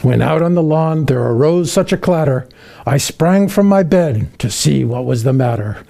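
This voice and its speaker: A man playing a jolly, kindly old Santa Claus, reading a children's Christmas poem aloud in an expressive, unhurried storytelling manner. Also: on the high side, gravelly. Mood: warm storytelling.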